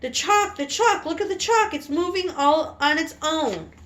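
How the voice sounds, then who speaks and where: A woman voicing a terrified young schoolboy who screams in a shrill, hysterical voice. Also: lively intonation, a little slow, fairly bright tone, heavily acted.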